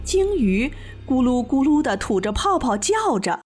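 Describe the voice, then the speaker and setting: Woman storyteller for kids, animated and expressive, slightly high voice, over clear background music. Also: a little slow. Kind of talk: children's storybook narration. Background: children's music.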